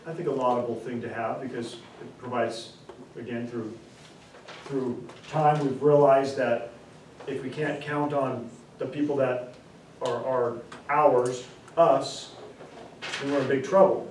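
In an echoey indoor classroom, a man teaches in a steady, medium-pitched voice with a darkish tone. The far camera mic catches slight background noise. He explains through repeated examples and slowly emphasizes the key terms.

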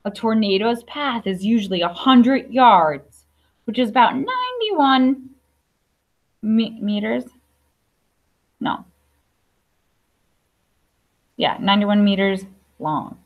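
In a classroom, a young adult woman teacher reads a picture book aloud to young children, keeping explanations simple with questions and asides. Her voice is a little high, and the highs are cut off.

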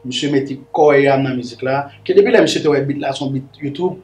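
A man's voice: medium pitch, quick pace, a little mellow, slight background noise. A man, a guest musician telling a long story in a casual, rambling way, repeating words and the filler "là". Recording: roomy echo with faint music underneath.

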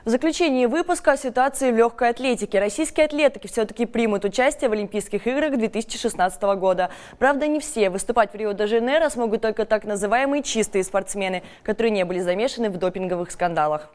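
Quick-paced female sports news anchor. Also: fairly high pitch, a little mellow. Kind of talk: scripted news reading. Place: TV studio.

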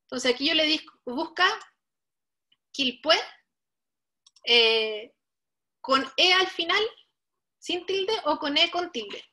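A Chilean workshop instructor leads a live online coding tutorial, patiently explaining each step and addressing the learners directly. Her voice is high-pitched and sharp, and she speaks slowly with frequent pauses.

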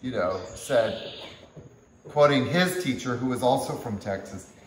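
A man giving a workshop-style yoga lecture in a gentle, unhurried way, with frequent chuckles. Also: mid-range voice, distant mic, slight background noise. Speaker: yoga teacher. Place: teaching hall at a yoga retreat center. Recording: echoey room.

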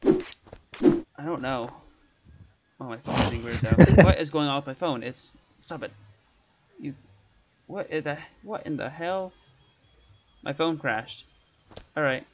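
A man's voice: on the high side, very animated, takes it slowly, pauses often. A man streaming a survival game and chatting casually, often trailing off mid-sentence. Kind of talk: casual gameplay chat. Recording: dull lo-fi stream audio.

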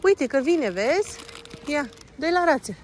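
A woman from Romania with a high voice films herself on a handheld phone in a town park, speaking gently to her toddler. She coaxes her child in a sing-song way and drops English words into her speech. A faint hum of the outdoors sits behind her. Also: sing-song. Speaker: vlogger and mother. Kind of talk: casual vlog chat with her toddler.

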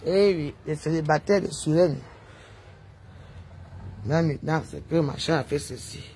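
A woman's voice: low voice, measured pace, dark tone, slight background noise. An older woman chatting to her viewers in a rambling, digressive livestream monologue, sprinkling in sound-effect noises.

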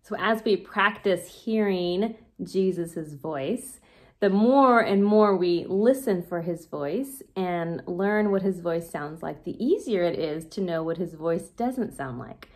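A woman's voice: fairly low pitch, lively intonation, takes it slowly. A woman, a children's pastor, leading a children's church lesson with a craft, talking playfully and explaining step by step to kids.

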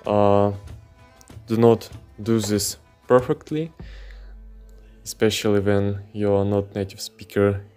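A fitness channel host from Ukraine, a native Russian speaker, talks slowly in halting English peppered with fillers during a casual podcast monologue, sitting on pillows indoors. His fairly low voice is a little mellow, clear and resonant, with fairly even intonation. Faint music plays in the background.

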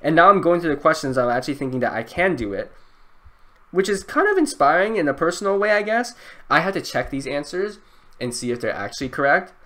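A young man thinking aloud through a timed test, frantic and self-mocking, now and then breaking into loud outbursts. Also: a little high, big pitch swings, fairly quick. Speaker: youtuber.

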